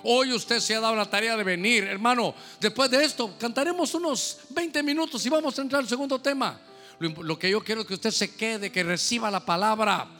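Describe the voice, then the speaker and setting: A man's voice: high voice, fairly quick, sharp tone. A male pastor preaching a sermon, emphatic, repeating phrases and putting questions to the congregation. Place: church. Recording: echoey hall, faint music.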